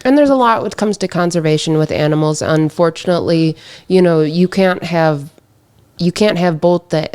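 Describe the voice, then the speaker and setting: A woman's voice: on the low side, moderate pace, a little mellow. A woman who hunts, a podcast guest, speaking earnestly and firmly about her views. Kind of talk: casual chat.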